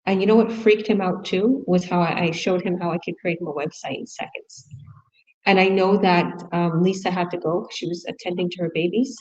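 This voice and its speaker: A middle-aged woman from Canada giving a casual, enthusiastic sales pitch, chatty and full of restarts. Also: steady tone, fairly quick, a little mellow. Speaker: online business promoter. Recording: dull lo-fi recording.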